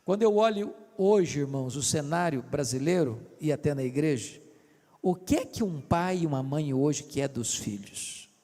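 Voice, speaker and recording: Impassioned older Brazilian preacher, high voice. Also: male voice, animated, moderate pace. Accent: Brazilian Portuguese. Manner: impassioned, swings from shouting to soft. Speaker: pastor. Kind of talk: sermon. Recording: hall reverb.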